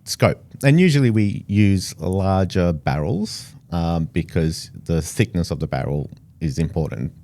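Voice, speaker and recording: This middle-aged Australian man, whose first language is Italian, speaks in a low, animated, warm voice at a measured pace. He's an engineer appearing as an interview guest, chatting casually with lots of fillers and restarts.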